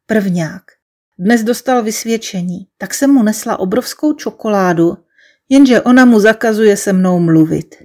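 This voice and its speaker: A woman's voice: mid-range voice, a little mellow, slightly rough, close to an everyday voice. Woman doing a tearful, sobbing young woman. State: sobbing, crying. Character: shy, tearful woman around thirty.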